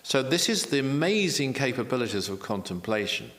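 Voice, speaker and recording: Lively male spiritual teacher, mid-pitched, earnest and explanatory, echoey room. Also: fairly quick. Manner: earnest, repeats key phrases, self-deprecating asides. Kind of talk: explanatory interview talk.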